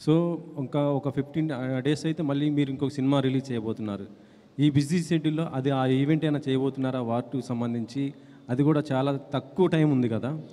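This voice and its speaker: A male reporter puts pointed questions to guests at a press meet, polite in his address. His voice is mellow and dark. He sounds from within a large hall with a long reverb. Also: mid-range voice, brisk.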